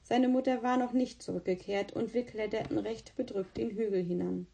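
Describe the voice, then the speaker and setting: A woman narrating a storybook in the first person, with a calm and even delivery. Her voice is mellow and dark-toned, at a middling pitch. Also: normal speed, gravelly. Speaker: audiobook reader.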